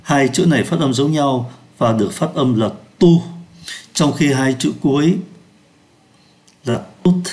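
Man slowly teaching French pronunciation. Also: medium pitch, a little mellow. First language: Vietnamese. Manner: slows down to pronounce French words. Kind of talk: lesson explaining pronunciation.

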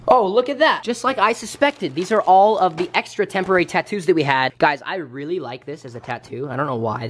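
A young man vlogging at home in a casual, joking way, his voice hoarse from screaming. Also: medium pitch, a little hiss or hum. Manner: energetic, joking. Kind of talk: casual vlog talk.

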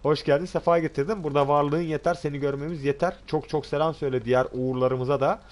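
A man's voice: on the high side, fast. A young man hosting a live gaming stream, chatting with teammates and greeting viewers by name. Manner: lively, greets chat viewers warmly, laughs often. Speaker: streamer host.

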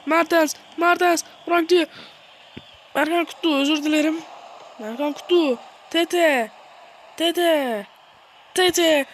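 A gamer commentating their own football video game match in a playful mock-commentator style, excitable and shouting at the players, with a sore throat. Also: high voice, takes it slowly, long pauses, a little hiss or hum.

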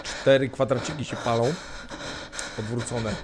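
A man doing let's-play commentary, excitable and swearing as he exclaims at the game. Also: mid-range voice, unhurried, noisy background. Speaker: gamer. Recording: voice over game music.

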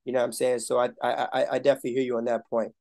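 A man in his thirties hosts a podcast interview over a video call. His voice has a gravelly rasp, and he talks in an easy, affirming, conversational way. His pitch sits in the ordinary middle range. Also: level tone, racing, a little mellow. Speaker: podcast host. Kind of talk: casual interview chat.

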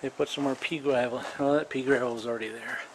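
A middle-aged man vlogs the building of a house, walking an outdoor site with a handheld camera whose mic picks up plenty of background noise. His mid-range voice stays fairly even as he rambles in a plain-spoken way, often pausing with fillers while he films.

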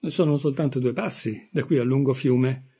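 A man's voice: mid-range voice, moderate pace, warm tone, husky. A man reading aloud, voicing a plain-spoken married woman at a dinner party. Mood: frank. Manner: frank, reassuring.

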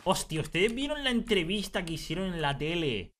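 A man's voice: high voice, slight background noise. A young man with a Canarian accent, chatting casually and teasing while he plays a game on stream, telling stories with a lot of animation. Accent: Canarian Spanish. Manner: animated teasing storyteller, quick mood swings. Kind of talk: casual chat while gaming.

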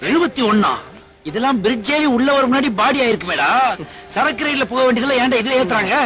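A brash wisecracking train passenger. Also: male voice, extremely high pitch, expressive, fast. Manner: brash, wisecracking, turns pleading. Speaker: film comedian. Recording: film soundtrack with music behind.

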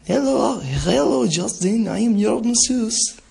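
A man's voice: high-pitched, animated, slow pace, gravelly, a little mellow, breathy edge, voice pushed up, heavily acted. A man playing a pretend Russian masseuse at a hotel door, with an overly formal put-on accent. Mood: playful. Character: loud mock-Russian female masseuse at the door.

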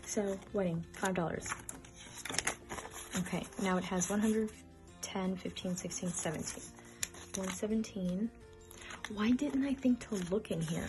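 A woman in her twenties chatting casually as she counts bills aloud and stuffs budget envelopes, getting flustered now and then. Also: medium pitch. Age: 20s. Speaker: budgeting vlogger. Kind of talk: casual cash-stuffing vlog. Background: background music.

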